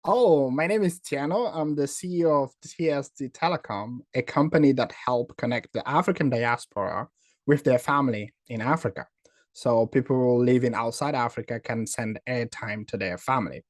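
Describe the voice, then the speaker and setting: A man from Senegal speaks English, a founder answering interview questions over a video call. He is friendly and laughs easily, filling pauses with "uh" and "um." His voice sits at a middle pitch in a dry, close recording. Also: no echo. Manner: friendly, laughs often, many fillers. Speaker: guest, company founder. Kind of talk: casual interview.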